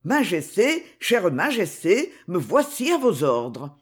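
Narrator playing a scheming court favourite, tense and urgent, lively swings, bit husky. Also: mid-range voice, slow, full character voice. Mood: caressing. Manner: caressing then strained and urgent. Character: Italian-born nobleman, scheming, tense favourite of a queen. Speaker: character in a read novel. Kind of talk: audiobook reading.

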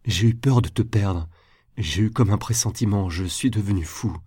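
A jealous, remorseful young lover from a storybook as a man reads him speaks in a low, dark voice. His delivery is emphatic and pleading, and it pushes louder than the narration. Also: a little slow.

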